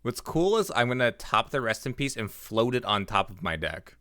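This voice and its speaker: A man's voice: medium pitch, very animated, normal speed, bright, forceful tone, no room sound, studio quality. A man livestreaming, chatting through a headset mic as he plays and reacts aloud to his game and his chat. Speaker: livestreamer and card game player. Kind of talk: live gameplay commentary.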